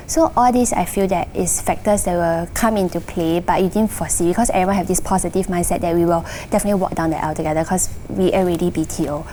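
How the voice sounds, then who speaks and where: A woman with a Singaporean accent speaks in a slightly low voice, explaining her views earnestly in a casual panel conversation. Some ambient noise sits behind her. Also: quick pace, few pauses, dark tone. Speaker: guest sharing personal experience.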